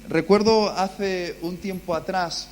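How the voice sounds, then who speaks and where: A man's voice: high-pitched, steady tone, slow, slight background noise. A man from the Basque Country preaching a live sermon in a church, telling stories dramatically and acting out cries of pain. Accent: Spanish. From Basque Country, Spain.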